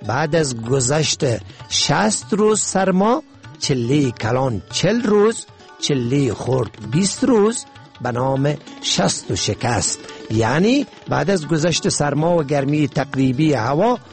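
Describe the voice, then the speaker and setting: A man with an Afghan Dari accent presenting a radio magazine, reading essays and stories in a formal, measured way. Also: a little high. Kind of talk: scripted radio narration.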